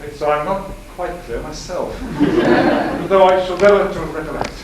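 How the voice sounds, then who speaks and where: Brief: actor as a nervous young officer, higher voice, stumbling and stammering, stage play heard far off in an echoey hall. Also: male voice, fairly even intonation, measured pace, heavy background noise, natural voice. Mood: flustered. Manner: flustered, hesitant, theatrical stage delivery. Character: young male army captain, flustered, witty.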